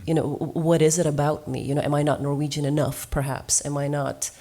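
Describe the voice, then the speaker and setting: A woman's voice: deep voice, little pitch movement, a little fast, dark tone. A woman from Norway, a musician on a seminar panel, telling her experiences in an earnest, reflective way.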